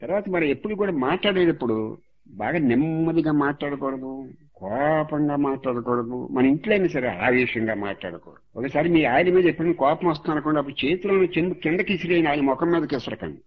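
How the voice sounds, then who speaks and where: High-pitched quick man preaching. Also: narrow, tinny audio. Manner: repetitive, moralizing, drives points home by restating them. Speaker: spiritual teacher. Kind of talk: religious discourse.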